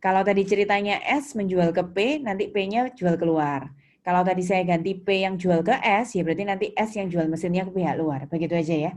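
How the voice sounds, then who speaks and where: Brisk and darkish in tone, this woman's fairly low voice carries an Indonesian accent as she lectures on accounting. She explains concepts step by step and puts questions to students, while typing and keyboard clicks fill the noisy recording.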